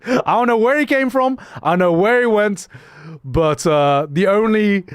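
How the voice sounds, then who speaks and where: A young male streamer with a mixed, slightly British-tinged English accent chats casually on a livestream, reading viewer messages. He's animated, laughs often and restarts sentences quickly and frequently. His voice is high and smooth, recorded in studio quality with no room sound.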